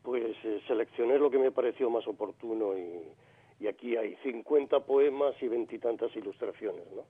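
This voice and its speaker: This husky, medium-pitched man talks at a normal speed. He is a poet in his sixties from Granada, Spain, phoning into a radio interview, and his reflective answers come with plenty of fillers and false starts, carried over a telephone line.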